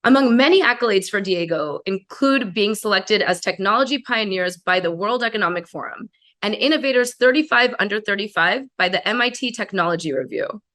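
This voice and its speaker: A woman's voice: medium pitch, expressive, a little fast, a bit bright. A woman hosting an interview, introducing her guest with enthusiasm. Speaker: host.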